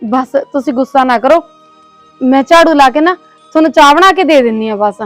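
A woman's voice: sits high, moderate pace, no room sound, faint music behind, close to an everyday voice. A woman playing an anxious young bride. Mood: pleading. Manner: soft, pleading and worried. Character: young new bride, anxious and put-upon. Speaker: actor. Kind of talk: village short-film acting.

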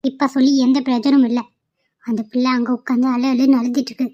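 A woman's voice: high-pitched, level tone, quick pace, warm tone. A woman voicing the characters in a cartoon drama, talking with emotion and pleading. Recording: muffled lo-fi audio.

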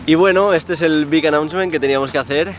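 A man, chatting to camera as a travel vlogger at an outdoor campsite, relaxed and enthusiastic. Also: fairly high pitch, quick pace, soft background music. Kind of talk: casual chat to camera. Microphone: on-camera mic, handheld or tripod framing.

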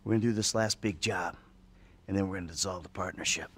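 An actor playing a weary, defensive middle-aged ex-bank robber in a video game cutscene, exasperated and pleading. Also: male voice, sits low, fast talker, a bit bright, slightly rough.

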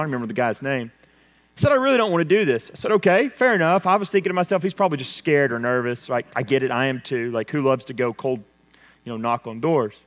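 A man preaches from the pulpit, his somewhat high voice carrying a long church reverb. He drives his points with loud emphasis, then drops to a hushed, intense delivery. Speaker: pastor. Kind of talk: sermon. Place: church sanctuary.

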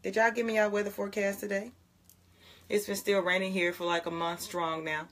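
A woman's voice: medium pitch, flat delivery, fairly quick, fairly bright tone. A young woman pastor, chatting casually with viewers on a morning livestream and praying, often laughing and calling them y'all. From Jackson, Mississippi. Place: home closet.

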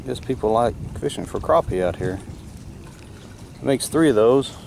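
Middle-aged man, plain mid pitch, casual commentary, lake dock outdoors, distant camera mic. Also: expressive, moderate pace, creaky. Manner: matter-of-fact, thinking aloud while working. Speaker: vlogger magnet fishing. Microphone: camera mic, filmed from a few feet away. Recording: distant camera mic, loud wind and water noise.

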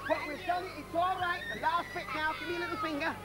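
A man's voice: very high voice, steady tone, fast talker, loud music behind the voice. A middle-aged man doing kids party magician patter, theatrical and teasing, repeating commands to the children. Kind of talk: live kids' magic show patter. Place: outdoors on a lawn, garden party. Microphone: camcorder a few metres away. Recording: noisy outdoor camcorder, children's crowd around. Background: children's crowd, outdoor noise.

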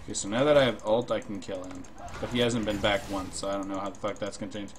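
Young guy streamer, lowish voice, chatting casually over his game, some swearing, noisy mic with keyboard clicking. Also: fairly even intonation, fast. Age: young adult. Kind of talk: casual live gameplay commentary. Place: indoor room at a computer. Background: keyboard typing, game sounds.

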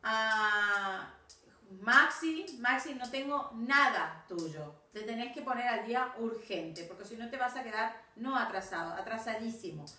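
A woman's voice: a little high, lively intonation, unhurried, bright, forceful tone, distant mic, faint music behind. A woman teacher with a Rioplatense Spanish accent giving recorded class feedback, correcting pupils and often checking that they follow. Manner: corrective, keeps checking for understanding. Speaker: English teacher. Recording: echoey room, voice off-mic.

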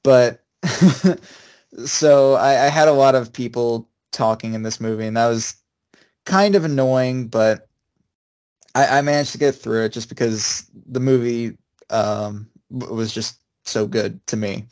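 Guy co-hosting a chat, halting, keeps restarting sentences, medium pitch. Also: darkish tone. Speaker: co-host. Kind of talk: casual chat.

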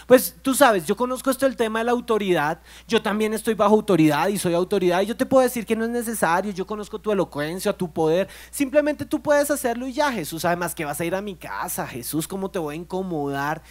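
A man's voice: high voice, fast talker, hardly any pauses, voice pushed up, lightly acted. A man voicing a humble adult male centurion who earnestly pleads, speaking. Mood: insistent.

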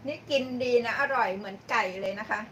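Medium in pitch and brisk, a woman hosts a live-stream cooking show. While preparing food, she chats informally with viewers, calls out names to thank them, and frequently laughs. A distant mic captures her along with clear background noise.

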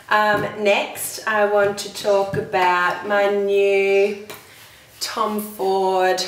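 A woman with a voice hoarse from illness, casually chatting through a beauty product review at home, rambling with many ums. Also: medium pitch, reverberant, recorded from a distance. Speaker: beauty vlogger. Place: home room, child nearby.

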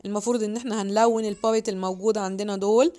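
A young woman with an Egyptian Arabic accent explains an English activity book page by page. She reads the English prompts slowly and carefully and mixes English words into her Arabic explanations. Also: medium pitch, steady tone, warm tone. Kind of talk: homework walkthrough lesson.

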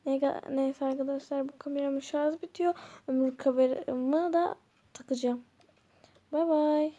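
A woman's voice: high-pitched, fairly even intonation, unhurried, dark tone, dull audio. A woman narrating a game to her viewers in a chatty way, groggy as if she has just woken up. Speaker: gameplay vlogger.

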